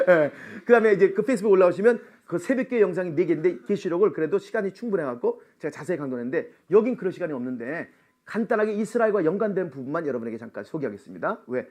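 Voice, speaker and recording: A middle-aged man preaching at a church seminar, animated and laughing often, calling out for amens. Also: sits high. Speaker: missionary seminar speaker. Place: church sanctuary.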